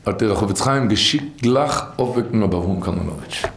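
A man's voice: expressive, brisk, vocal fry. Man rambling through an old rabbinic tale. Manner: rambling, many restarts and repeats, swings between low murmurs and high bursts. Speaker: storyteller. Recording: roomy echo.

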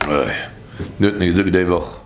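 A man's voice: deep voice, normal speed, a little hiss or hum. A man telling a story and teaching from a midrash in an informal, rambling way, often repeating phrases and restarting.

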